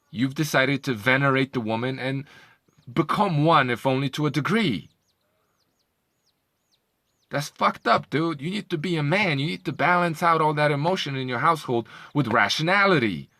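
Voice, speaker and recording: A man delivering a heated, profane commentary rant, his voice bright and forceful. He trips over repeated words as he pushes his points. The sound is dry and close, with no room around it. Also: fairly high pitch, no echo. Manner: heated, profane, repetitive ranting with stammered restarts. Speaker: commentary vlogger. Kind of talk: ranting video commentary.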